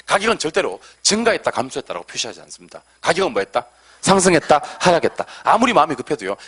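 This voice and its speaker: A man's voice: fairly high pitch, a bit bright, slightly rough. A man teaching an exam-prep lecture, quizzing the class and answering his own questions, with joking asides. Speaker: real estate exam lecturer.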